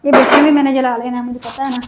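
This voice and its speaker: A woman from Pakistan chatting in a cooking vlog, upset and venting, her throat sore from shouting. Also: high voice, level tone, quick pace, heavy background noise. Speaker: cooking vlogger. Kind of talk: casual cooking vlog chat.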